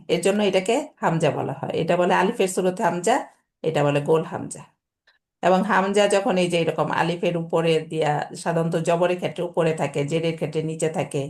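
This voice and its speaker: A woman with a somewhat low voice teaches an online class, explaining step by step. She keeps asking her students if they follow, in a patient teacher's manner, heard through a video call. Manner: explains patiently, often checks "okay?" with students. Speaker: Quran teacher.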